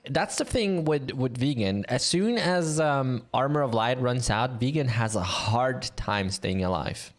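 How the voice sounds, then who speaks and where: A man calls an online game match in an average-pitched voice. His pitch swings widely as he explains plays. He asks his co-caster questions between fights. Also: measured pace, hardly any pauses. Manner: curious, explanatory, animated. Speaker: esports commentator. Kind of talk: casual game commentary.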